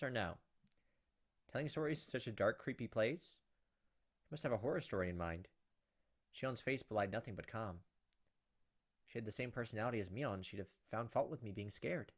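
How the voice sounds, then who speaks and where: A man hosting a gaming video reads a visual novel aloud as dramatic storytelling, breaking off now and then for casual, off-the-cuff asides. His voice is medium in pitch and a little fast.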